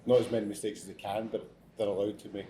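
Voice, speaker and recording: A fast-talking Scottish man with a lowish voice chats casually in an interview at a restaurant. He's a chef who teaches students, speaking steadily and plainly, restarting now and then, over slight background noise.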